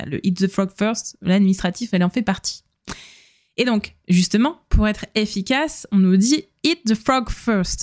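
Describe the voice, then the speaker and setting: A woman hosts a solo podcast, giving practical advice in a relaxed, chatty way. She fills her talk with hesitations and corrects herself as she goes. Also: mid-range voice. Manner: chatty, many fillers and self-corrections. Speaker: podcast host.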